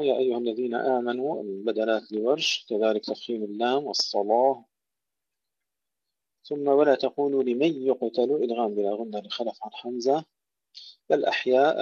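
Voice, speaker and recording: A man teaching Quran recitation, who recites phrases slowly and loudly and then explains each rule in a plain teaching voice. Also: medium pitch, husky, no room sound. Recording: dull, dry lo-fi recording.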